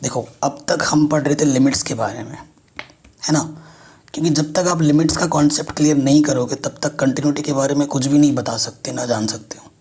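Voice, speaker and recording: A man gives a math lesson at a board. He explains step by step and keeps checking that students follow. His voice is husky and noticeably rough. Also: medium pitch, brisk, darkish tone. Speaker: math teacher.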